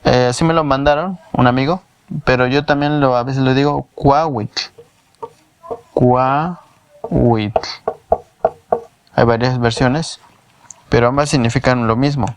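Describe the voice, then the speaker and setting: Speaking at a brisk pace in a mid-range voice with fairly even intonation, this man teaches a patient whiteboard language lesson and breaks words down syllable by syllable. He has a Mexican Spanish accent and records at home in a shared housing block, with slight background noise.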